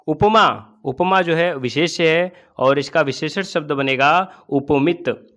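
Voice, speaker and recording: A man's voice: fairly high pitch, slow, a bit bright. A man teaching as an exam coach, explaining test answers step by step and asking questions he then answers himself. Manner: asks and answers his own questions.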